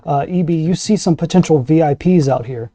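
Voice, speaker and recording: A man's voice: on the high side, a little fast, warm tone, no echo. A man casually narrating a tabletop role-playing game as game master.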